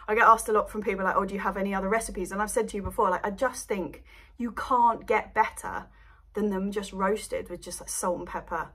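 Chatty rambling woman, husky. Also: medium pitch, fairly even intonation, brisk, a bit bright. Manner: chatty, rambling, laughs often. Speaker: allotment vlogger. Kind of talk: casual chat to camera. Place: indoors at home by seedling light box.

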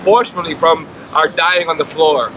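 A man in his thirties speaks with earnest insistence about his cause, his voice set a little high for a man. He is recorded outdoors on a city street, with clear traffic noise running under every word. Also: moderate pace. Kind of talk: street interview. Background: traffic and city ambience.

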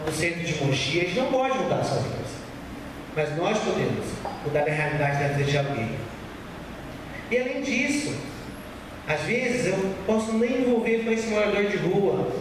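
A man in his thirties with a Brazilian accent from São Paulo state preaches an earnest, exhorting sermon from a pulpit on an indoor church stage, repeating phrases for emphasis, and his voice sits high. His handheld mic plays through room speakers, and a far-off camera records it in an echoey, noisy hall.

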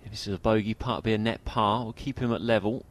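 A man's voice: lowish voice, fairly even intonation, quick pace. A man giving golf commentary, analysing each shot of a tournament.

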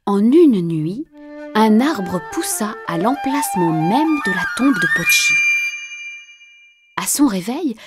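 A woman narrating a fairy tale in a calm, measured voice that sometimes drops to a hushed whisper. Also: medium pitch. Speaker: storyteller. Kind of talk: storybook narration. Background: faint music.

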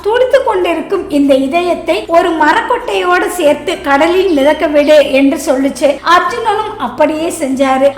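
A high-pitched woman narrates a scripted devotional tale. She addresses listeners as a storytelling host, and her voice echoes around the room. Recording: roomy echo.

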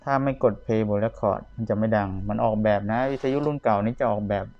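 A man's voice: fairly low pitch, a little fast, lo-fi sound. A man giving a casual product review as a seller demonstrating vintage audio gear. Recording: clear background noise, clicking buttons, radio bleed. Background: radio or tape of the demonstrated player.

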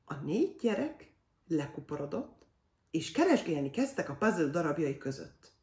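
A woman reading a children's fairy tale aloud in an expressive, animated way. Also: deep voice, far from the mic. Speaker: storyteller. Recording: roomy echo.

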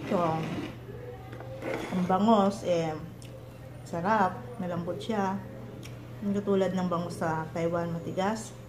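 A Filipino woman vlogging at home, chatting in an unhurried way while chewing her food. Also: fairly low pitch, steady tone, background noise. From Philippines. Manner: unhurried, chatty, with long eating pauses. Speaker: mukbang vlogger. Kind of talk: casual mukbang chat. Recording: echoey room with clattering dishes.

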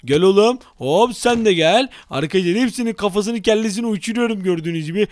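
A young man hosting a game role-play video, excitable and teasing, constantly talking to his viewers. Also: sits high, fast, dry recording. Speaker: gaming channel host. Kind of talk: role-play gameplay commentary.

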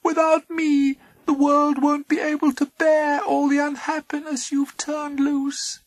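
A faint little spirit of hope. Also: male voice, very high voice, monotone, a little slow, dry recording, voice pushed up. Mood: pleading. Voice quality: faint, thin, pleading.

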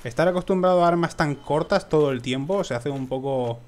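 A young man from giving excitable let's play commentary to his viewers, swearing often. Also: on the high side, a little fast. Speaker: gaming video host.

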